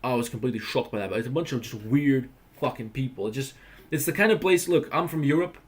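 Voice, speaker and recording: Young male livestream host from Croatia, mid-range voice, blunt and profane, animated storyteller. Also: mid-range voice, quick pace. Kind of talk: casual livestream rant.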